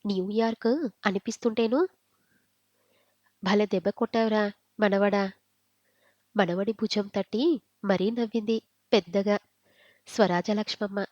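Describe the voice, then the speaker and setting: A woman reads a family story aloud at a mid pitch, voicing each family member's lines as she narrates. Her voice is close and dry, with no room around it. The sound is a little muffled and dull. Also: a little mellow, no echo.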